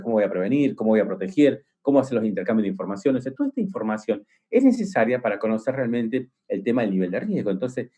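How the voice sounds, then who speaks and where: A man's voice: medium pitch, mellow, husky. A man giving a technical cybersecurity conference talk, enthusiastic and rambling, with frequent restarts and fillers and homely examples. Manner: enthusiastic, explains with vivid everyday examples.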